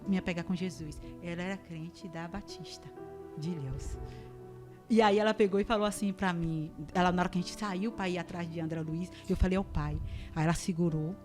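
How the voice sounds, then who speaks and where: Woman, podcast guest, emotional testimony, acts out quoted voices, faint music behind. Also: on the low side. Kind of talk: religious testimony in a podcast interview.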